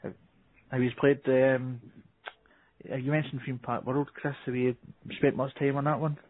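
A man hosting a casual chat, asking brisk questions and laughing often. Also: medium pitch, level tone. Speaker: podcast host. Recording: tinny phone-like line.

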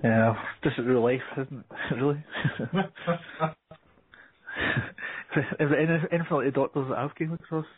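A man hosting a casual chat, asking brisk questions and laughing often. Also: mid-range voice, slightly rough. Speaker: podcast host. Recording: tinny phone-like line.

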